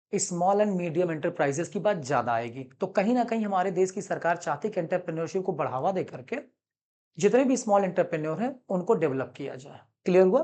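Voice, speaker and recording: A man teaching commerce in a classroom lecture, animated and coaxing, calling students son and checking that they have understood. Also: sits high. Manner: calls students son, mixes English terms into Hindi.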